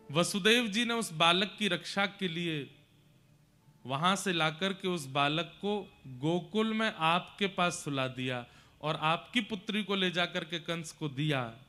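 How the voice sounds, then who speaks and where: A man's voice: a little high, bright, forceful tone. A man voicing a respectful male messenger who reluctantly delivers grave news.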